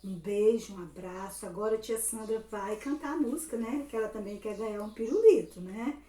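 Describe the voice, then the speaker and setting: A woman's voice: mid-range voice, brisk, warm tone. A woman with a Brazilian Portuguese accent, a Sunday school teacher giving a children's Bible lesson, who asks questions and answers them herself. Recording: echoey room, voice from a distance.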